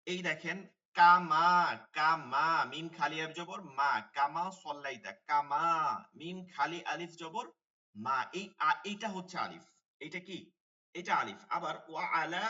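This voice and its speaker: A man's voice: fairly high pitch, bright, forceful tone, recorded from a distance, highs cut off. A man teaching an online tajweed class, repeating key terms and asking his students questions. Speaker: Quran teacher.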